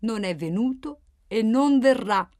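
A woman's voice: a little high, animated, a little slow, a little mellow. A woman voicing an exasperated man who stresses every word emphatically.

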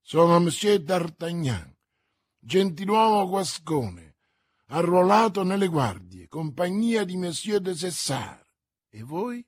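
A man reading aloud and voicing a bold, eager young Gascon guardsman, with a husky voice. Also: sits high, sing-song, takes it slowly, no room sound, clean studio sound, exaggerated voice.

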